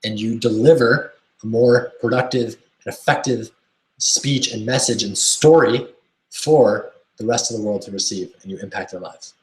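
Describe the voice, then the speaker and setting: A man's voice: fairly low pitch, normal speed. A man coaching a webinar audience on mindset, enthusiastic and often checking in with "right?". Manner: enthusiastic, keeps asking "right?". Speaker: self-help coach. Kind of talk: webinar teaching talk. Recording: roomy echo.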